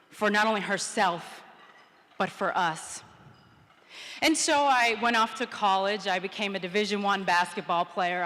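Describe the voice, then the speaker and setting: Woman, 30s, storytelling keynote speaker, crisp bright voice, reverberant hall. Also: mid-range voice. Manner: storytelling, acts out quotes with rising energy. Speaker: public speaker. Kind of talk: motivational conference speech. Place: conference hall, indoors.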